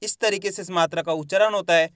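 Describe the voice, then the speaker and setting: A young man gives a patient reading lesson, stretching each syllable and asking the viewer questions as he goes. His voice is smooth and clear. It sits close to the mic with no room sound. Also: high voice, fairly even intonation, fast talker, fairly bright tone, no room sound. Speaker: Hindi reading teacher. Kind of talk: step-by-step lesson for learners.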